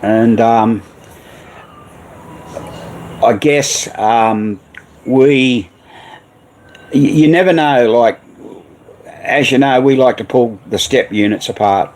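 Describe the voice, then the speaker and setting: A man's voice: mid-range voice, slow pace, pauses often, darkish tone, poor audio. An Australian man hosting a casual livestream about repairing old pinball machines, rambling with many fillers. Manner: rambling, reads viewer messages aloud.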